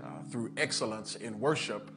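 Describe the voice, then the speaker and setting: A man's voice: lowish voice, moderate pace. Man preaching in a church. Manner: rhythmic preaching cadence, calls out to the congregation. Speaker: pastor. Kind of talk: sermon. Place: church sanctuary.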